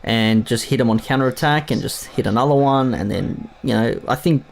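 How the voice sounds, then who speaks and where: A man's voice: medium pitch, fairly quick, vocal fry. A man hosting a live stream, reacting to a football match with exasperated outbursts and rambling talk.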